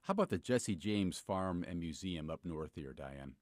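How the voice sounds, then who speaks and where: A man hosting a public radio interview, moving between measured scripted introductions and short questions to guests. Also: sits low, lively intonation, no echo, studio quality.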